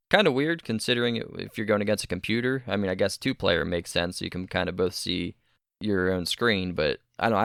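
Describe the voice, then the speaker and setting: A man's voice: on the low side, vocal fry, fairly bright tone, no room sound, clean studio sound. A man co-hosting a casual gaming podcast, rambling and correcting himself as he talks, often laughing. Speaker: podcast co-host.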